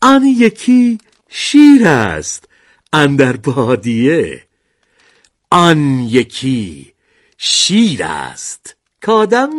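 A man voicing a stern royal-era ruler who slowly recites verse in a radio play, with lively, high-set pitch. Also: dry recording, clean studio sound, heavily acted. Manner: slow measured verse recitation. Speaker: radio drama voice actor.

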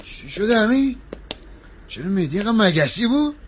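An actor playing a nosy friend who coaxes and pries in a comedic sketch. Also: male voice, high-pitched, big pitch swings, a little hiss or hum. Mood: curious. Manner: coaxing, nosy. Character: coaxing, nosy friend, a man. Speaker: supporting friend.

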